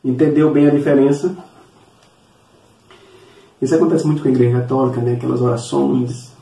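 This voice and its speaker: Mellow-voiced man teaching in an echoey room. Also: mid-range voice, little pitch movement, creaky. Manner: earnest, repeats points, halting fillers. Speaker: Sunday school teacher. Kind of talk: Bible lesson teaching. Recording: echoey room, mic at a distance.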